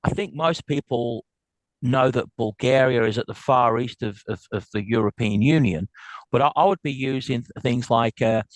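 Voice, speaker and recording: A man with a South African accent speaks in a brisk, upbeat way, often restarting his sentences as he explains business points. His voice sits at a middle pitch and sounds dry and close, with no room echo. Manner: quick, upbeat, frequent restarts. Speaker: guest speaker. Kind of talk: business lecture and Q&A.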